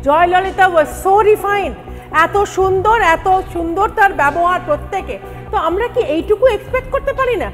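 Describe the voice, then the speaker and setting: A woman's voice: extremely high pitch, lively intonation, normal speed, faint music behind. A woman party spokesperson on a TV debate panel, speaking emphatically and slipping English phrases into her argument.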